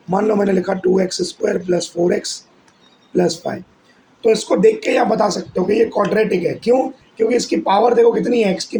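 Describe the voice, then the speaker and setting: A male math teacher giving a lesson who keeps asking students questions and answering them himself, and who switches between Hindi and English as he dictates slowly from the board. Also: high voice, dark tone, slight background noise, rough recording. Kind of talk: classroom-style lesson.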